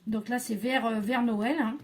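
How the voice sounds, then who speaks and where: Crafting host, woman, slow and chatty, hesitant asides, a touch higher than average. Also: steady tone. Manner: chatty, hesitant, with many fillers and self-talk. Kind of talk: casual crafting demonstration.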